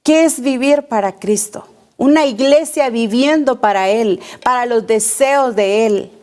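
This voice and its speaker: A woman's voice: a little high, a little mellow. A woman preaching a sermon at a church service, repeating key phrases and asking the congregation rhetorical questions. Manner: slow, deliberate delivery, repeating key phrases.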